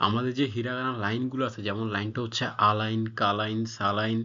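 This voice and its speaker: A man's voice: lowish voice, steady tone, quick pace, pushed and bright. A man teaching a casual language lesson, informal and repetitive, with frequent fillers. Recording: slightly dull lo-fi audio.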